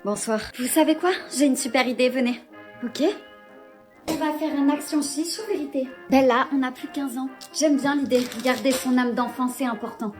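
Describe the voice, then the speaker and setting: A synthetic woman's text-to-speech voice reading dialogue for a short skit, in an even, machine-like delivery. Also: sits high, normal speed, over music. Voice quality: synthetic, evenly paced.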